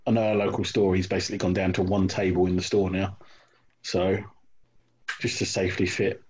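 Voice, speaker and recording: A man's voice: low voice, little pitch movement, fairly quick, darkish tone, slightly rough. A man in casual chat about his hobby, hesitant, with many ums and restarts, on dull lo-fi call audio. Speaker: hobby wargamer guest.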